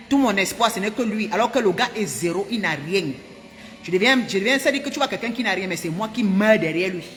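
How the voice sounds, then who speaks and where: A woman from Cameroon, telling her viewers a personal story in an animated, emphatic way and repeating herself often. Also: medium pitch, big-room sound. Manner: animated and emphatic, with frequent repetitions. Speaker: vlogger.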